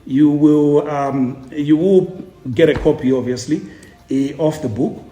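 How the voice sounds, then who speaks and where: A man's voice: a little high, a little slow, dark tone. A man in his forties from Zimbabwe, a tour guide and author, talking casually in an interview, chatty and jokey, often repeating words while he searches for the next ones. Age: 40s. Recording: roomy echo.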